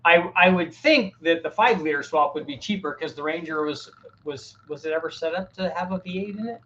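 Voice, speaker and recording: A man's voice: fairly high pitch, a little fast, fairly bright tone, highs cut off, slight background noise. Plain-spoken man answering engine questions. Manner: plain-spoken, technical, restarts sentences. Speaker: host answering viewer questions. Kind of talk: casual live Q&A. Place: home workshop with a fan running.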